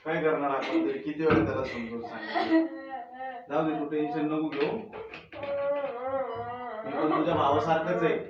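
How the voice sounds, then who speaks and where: Man as a fatherly patron comforting someone, slightly high voice, dull boomy recording. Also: expressive, moderate pace, long pauses, crowd noise, close to an everyday voice. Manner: soothing, repeats words, fatherly. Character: kindly male local boss consoling a grieving girl. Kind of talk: amateur short film acting. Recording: very echoey room, far dull mic.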